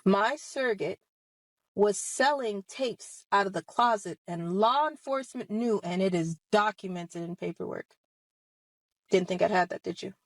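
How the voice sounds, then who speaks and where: An expressive, medium-pitched woman's voice at normal speed comes through a dry recording. She's thirty, an online video host giving impassioned personal testimony directly to her audience, emphatic and confrontational, with rhetorical questions throughout.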